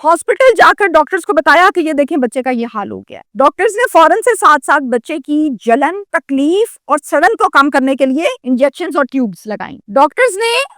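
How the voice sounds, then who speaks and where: A woman's voice: high voice, sing-song, hardly any pauses, a bit bright, dry recording, studio quality. A woman with a Pakistani Urdu accent narrating a crime case, then lecturing the audience with indignant commentary. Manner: indignant, lecturing, addresses the listener directly. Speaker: crime news presenter.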